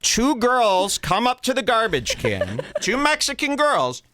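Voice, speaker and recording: A man's voice: very high-pitched, wildly swooping pitch, unhurried, pushed and bright. A man hosting a podcast, telling a comedic story in an exaggerated, indignant way. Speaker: podcast host.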